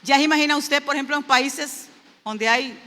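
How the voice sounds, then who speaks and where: A woman from Mexico preaching a sermon, emphatic, repeating phrases for stress and swinging between soft and loud. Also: high voice, normal speed. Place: church sanctuary. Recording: long hall reverb from a church.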